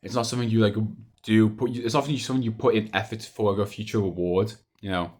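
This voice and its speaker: Casting: young adult male vlogger, lower-pitched, casual and hesitant, loops back over his own phrases. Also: fairly even intonation, fast talker, darkish tone. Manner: hesitant, repetitive, with trailing thoughts. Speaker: video diarist. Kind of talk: casual rambling monologue to camera.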